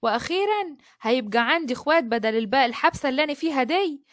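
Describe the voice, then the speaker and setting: A woman's voice: sits high, animated, rapid-fire, no echo, clean studio sound. Woman doing an outspoken sister. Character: lively loyal young Upper Egyptian sister.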